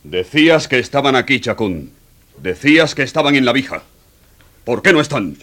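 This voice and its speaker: A man's voice: big pitch swings, normal speed. An actor playing a stern, suspicious colonel who threatens his guide in a radio drama. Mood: accusing. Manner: stern, threatening, swings from low growl to sharp command. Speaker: army colonel.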